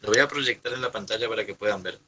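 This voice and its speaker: A man's voice: fairly low pitch, fast, pushed and bright, a little hiss or hum, low-quality recording. A middle-aged man with an Argentine accent teaching a grammar lesson, patiently repeating points and checking in with his class. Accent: Argentine Spanish. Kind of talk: online class explanation.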